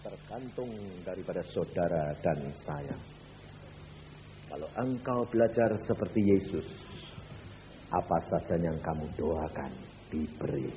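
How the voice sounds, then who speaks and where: A man, preaching a sermon and swinging from loud peaks to hushed drops. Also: deep voice, lively intonation, unhurried. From Central Java, Indonesia. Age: 80s. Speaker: evangelist preacher. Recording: echoey hall, dull lo-fi with hum.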